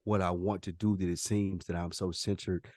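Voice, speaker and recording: This American podcast co-host has a deep, level voice with a darkish tone and speaks at normal speed. Chatting casually, he's earnest and emphatic, uses slang, and repeats things to drive points home. The recording is clean studio sound, echo-free.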